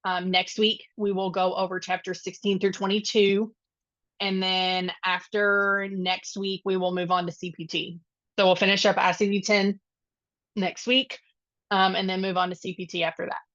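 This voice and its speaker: A woman's voice: mid-range voice, little pitch movement, moderate pace, fairly bright tone, dry recording. A woman leading a live online study group as a coding instructor, chatty and reassuring, with many filler ums. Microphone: video call. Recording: dull, dry lo-fi video call audio.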